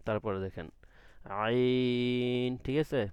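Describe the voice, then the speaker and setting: Patient male Quran teacher, smooth voice. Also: mid-range voice, fairly even intonation, normal speed, a little mellow, no room sound. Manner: patient, asks the class questions and answers them himself; demonstrates letter sounds drawn out from the throat. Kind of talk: online class teaching.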